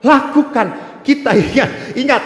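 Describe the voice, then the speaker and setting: A priest delivering a sermon, telling stories and acting out both sides of the dialogue. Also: male voice, very high-pitched, normal speed, a bit bright. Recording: echoey hall recording.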